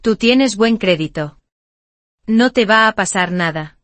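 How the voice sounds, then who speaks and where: A woman's voice: mid-range voice, animated, takes it slowly, a bit bright, dry recording. A woman voicing a dismissive, entitled adult sister who talks in a flippant, scornful way.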